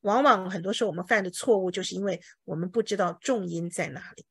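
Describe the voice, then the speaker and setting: A woman teaching an English lesson, patiently explaining with homely comparisons and slowly repeating words to drill their pronunciation. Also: mid-range voice, vocal fry, slightly rough, no echo, studio quality. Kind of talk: language lesson.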